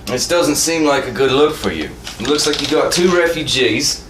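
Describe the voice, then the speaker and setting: A man voicing a gruff, hostile male Templar soldier who barks accusations. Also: mid-range voice, moderate pace, voice pushed up, natural voice. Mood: suspicious. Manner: barking, accusing. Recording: echoey room, mic far off, steady background noise.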